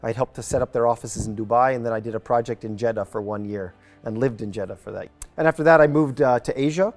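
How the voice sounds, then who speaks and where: Fast-talking American man in interview. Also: mid-range voice, a little mellow, soft background music. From United States, New Mexico. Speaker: interview guest, investor and football club owner. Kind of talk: conversational interview answers.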